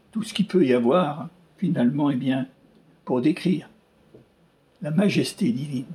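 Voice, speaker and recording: A preacher giving a sermon, emphatic, asking rhetorical questions and piling up repeated phrases with sweeping rises in pitch. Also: warm tone.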